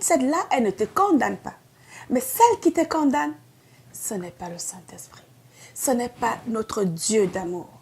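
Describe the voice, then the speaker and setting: A middle-aged woman pastor with a Québécois French accent delivers a short devotional message. Her voice sits a little high and she speaks earnestly, pleading at times and pushing hard on her key points. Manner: earnest, pleading, rising to emphatic outbursts.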